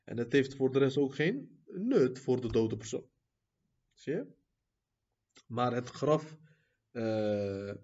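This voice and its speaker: Mellow-voiced man teaching a religious class. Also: mid-range voice, lo-fi sound. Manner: reads quotes quickly, then explains at length with many fillers and "zie je?" asides. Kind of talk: Islamic lesson, reading and explaining texts.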